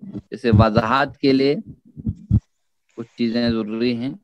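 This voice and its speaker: A man leads a Quran recitation lesson at a middle pitch, his voice dry and close with no room sound. He repeats each key phrase slowly and lifts into chanted Arabic when he gives an example. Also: steady tone, clear, resonant tone, no room sound, lo-fi sound. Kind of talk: Urdu tajweed lesson.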